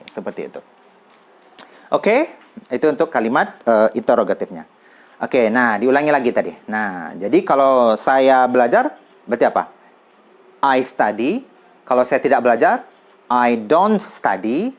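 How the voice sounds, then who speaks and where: Lively man teaching English. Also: mid-range voice. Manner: lively, repeats example sentences slowly and clearly. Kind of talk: casual classroom explanation.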